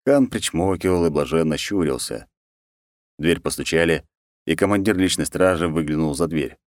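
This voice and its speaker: A man's voice: very deep voice, normal speed, dry recording. Male audiobook narrator, mocking and wry, dry delivery. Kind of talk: scripted narration.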